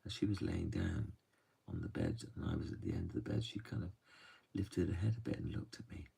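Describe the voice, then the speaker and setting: A man telling a true story softly and gently, often dropping to a hush. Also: a bass voice, wildly swooping pitch, distant mic. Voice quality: gravelly and husky. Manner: soft, unhurried, often drops to a hush.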